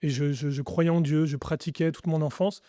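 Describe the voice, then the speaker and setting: A man's voice: a little high, steady tone, a little fast, dark tone, dry recording, clean studio sound. A French man, a pastor, giving his testimony in an earnest, reflective way with frequent restarts. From France. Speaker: pastor, podcast guest. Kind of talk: testimony interview.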